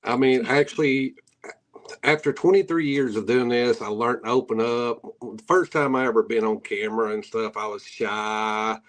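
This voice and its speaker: Steady in tone and moderate in pace, a mid-range male voice belongs to a middle-aged paranormal investigator being interviewed. He spins folksy, rambling stories in a relaxed Appalachian hillbilly drawl, using rural grammar.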